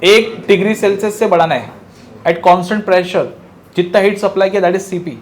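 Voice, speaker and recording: A male physics teacher, lecturing in a quick, lively way. His voice sits high for a man, and he keeps asking his class questions and then answering them himself.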